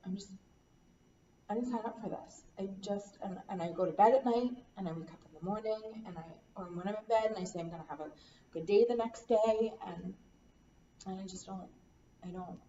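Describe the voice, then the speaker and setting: In an acted counseling practice session, a woman plays the client, speaking haltingly and wearily in a despondent tone and repeating herself. Her voice is medium in pitch and dark. The recording has an echoey room, a distant, dull mic and a faint hiss.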